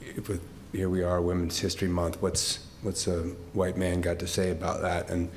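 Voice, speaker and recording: Moved nearly to tears, an older man gives heartfelt, unscripted remarks at a tribute event in a somewhat low voice, with a completely flat delivery at normal speed. He keeps stopping and restarting, laughing through his emotion, while a faint room hum sits behind him.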